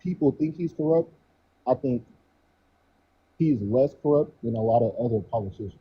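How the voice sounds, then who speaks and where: Young man, early twenties, hesitant call-in guest, muffled as if through a wall, husky and dull. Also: medium pitch, expressive, moderate pace. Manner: hesitant, many fillers. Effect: muffled mic, sounds like through a wall. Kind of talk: casual debate over a call. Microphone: muffled remote call mic.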